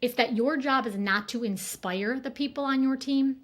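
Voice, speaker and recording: A woman's voice: sits high, moderate pace. A woman in her thirties, a guest consultant, talking earnestly and emphatically in a casual interview and speeding up in bursts. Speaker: guest consultant on workplace neuroscience.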